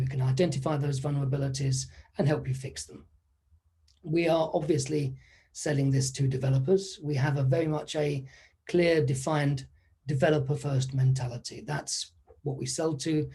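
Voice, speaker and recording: A man delivers a conference talk over a video call. He sounds easygoing and conversational and often pauses on fillers. His voice is warm and dark with a touch of huskiness. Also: fairly high pitch, husky. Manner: relaxed, conversational, with frequent fillers. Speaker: conference speaker. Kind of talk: online conference presentation.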